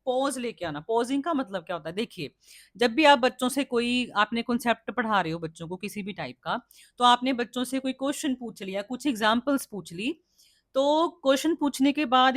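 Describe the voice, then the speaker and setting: A woman's voice: fairly high pitch, animated, normal speed, a bit bright, no room sound, clean studio sound. A woman teacher explaining teaching skills to trainee teachers, who often asks questions and answers them herself and checks that the class understands. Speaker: teacher educator.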